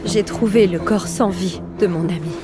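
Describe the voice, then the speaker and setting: A woman's voice: medium pitch, normal speed, lightly acted. A woman voicing a young photographer with powers over realities, earnestly narrating in a dubbed game trailer. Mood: grave. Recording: loud music under the voice.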